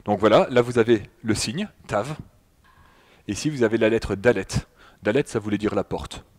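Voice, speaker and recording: A man's voice: on the low side, moderate pace, a little mellow. Hesitant French man giving a lecture. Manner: hesitant, many fillers and restarts, addresses audience. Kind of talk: public talk with slides. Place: public hall in front of an audience.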